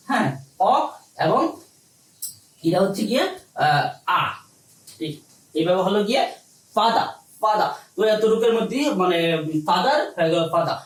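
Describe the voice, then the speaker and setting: Male teacher, quick drilling delivery that answers its own questions, recorded a little off-mic in a roomy space. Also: high voice, recorded from a distance. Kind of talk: recorded online lesson. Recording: echoey room, a little off-mic, faint hum.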